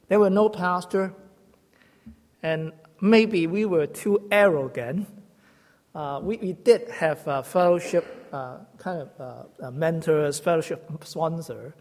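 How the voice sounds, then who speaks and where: Guy, kinda high voice, halting church teaching talk with little jokes, big reverby hall. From Hong Kong. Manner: halting, self-correcting, gently humorous. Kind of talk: sermon-style teaching talk.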